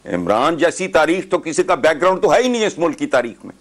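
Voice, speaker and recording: A man's voice: on the high side, sing-song, quick pace. A man, a political commentator arguing emphatically and slipping English phrases into his talk. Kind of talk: heated talk show debate.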